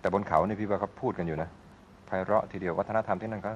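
Fast, playful male lesson host. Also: on the low side, steady tone, dull audio, slight background noise. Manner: playful, joking. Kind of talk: casual chat.

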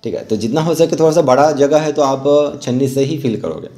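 Animated and warm, an Indian man with a mid-range voice explains rangoli art step by step in an informal tutorial voice-over, pausing haltingly and repeating himself as an instructor.

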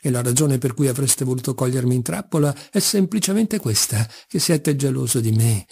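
A man reading an audiobook, voicing a hot-tempered young nobleman who answers his father in indignant, forceful declamation. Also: a little high, gravelly, slightly rough, exaggerated voice.

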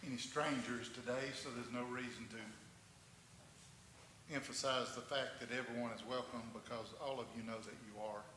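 A man's voice: mid-range voice, fairly even intonation. Man leading worship with cathedral echo. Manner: measured, reverent reading with slow stresses. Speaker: pastor. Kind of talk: leading a communion liturgy. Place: large church sanctuary. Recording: echoey church hall from a distance, faint noise.

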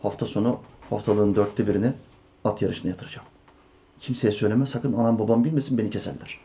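A preacher doing a hushed whispering sinner. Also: male voice, on the low side, fairly even intonation, quick pace, voice pushed down, lightly acted. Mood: conspiratorial. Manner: hushed, conspiratorial. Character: young man whispering plans to sin.

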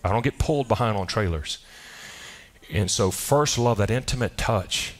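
A man preaching a sermon, animated and conversational, with asides and quick restarts. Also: fairly low pitch. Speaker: pastor. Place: church sanctuary.

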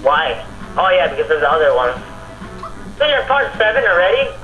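A man's voice: sits high, sing-song, brisk, lo-fi sound. A male gamer chatting casually and rambling, often repeating his words and phrases. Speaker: gamer friend watching along. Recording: roomy echo. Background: video game music.

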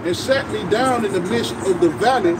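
A man in his forties reads Bible verses aloud on a night street, slow and formal, his voice high for a man. He stands back from the mic, and loud traffic noise nearly covers him. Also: distant mic. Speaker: scripture reader. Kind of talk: reading scripture aloud outdoors. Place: city sidewalk outdoors at night.

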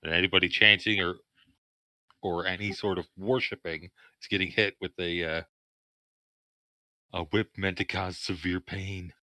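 Male player, low pitch, very bright tone, zealous in-character scolding. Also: little pitch movement, normal speed, pauses often, no room sound. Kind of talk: tabletop role-play.

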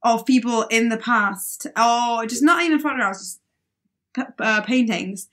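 A woman co-hosting a podcast, chatting in a quick, opinionated, teasing way. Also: on the high side, a bit bright. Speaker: podcast co-host. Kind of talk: casual chat.

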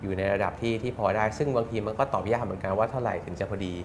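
Thirties man, guest on a TV business show; quick, explanatory, lapel mic, noisy background. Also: on the low side, fairly even intonation. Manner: fast, explanatory, acts out customer quotes. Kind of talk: studio interview. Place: bright TV studio set.

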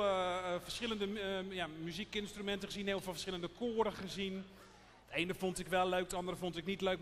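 A man in his thirties hosting a stage show, talking to the theater audience in a halting way with pauses, into a handheld microphone on a large stage. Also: high voice, fairly bright tone, big-room sound. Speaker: showmaster and singer.

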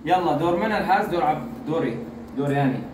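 A woman's voice: deep voice, expressive, fast talker. A woman running a playful game with her kids for a family vlog, bossy and laughing as she instructs them. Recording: echoey room, mic far off, noisy.

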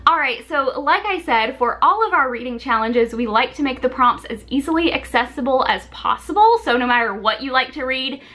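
Animated and high-pitched, a woman in her twenties explains a reading challenge to camera in a small furnished home room. She talks at normal speed with few pauses in a pushed, bright voice, sprinkling her informal chat with "like" and similar fillers.

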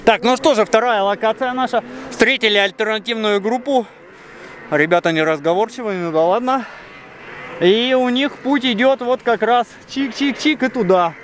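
A man's voice: sits high, normal speed, a bit bright. A man casually explaining things on an outdoor vlog in snowy mountains, hot and sweaty from the work. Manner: chatty, explaining hands-on. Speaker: snowmobile vlogger and instructor. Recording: outdoor wind and engine noise.

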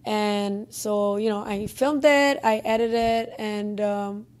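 Holding a mic in an office meeting room, a young film director with an Indonesian accent chats through her interview answers, full of fillers and restarts. She speaks slowly, with a medium-pitched voice.

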